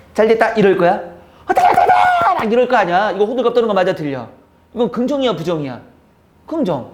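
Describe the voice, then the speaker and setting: Teasing Korean classroom teacher. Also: male voice, darkish tone. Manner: teasing, scolding banter with students; acts out students' reactions in squeaky voices. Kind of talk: classroom lecture.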